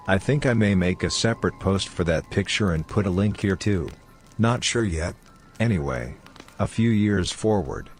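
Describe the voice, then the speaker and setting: A man giving a steady first-person narration of online horror stories. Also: low-pitched, slight background noise.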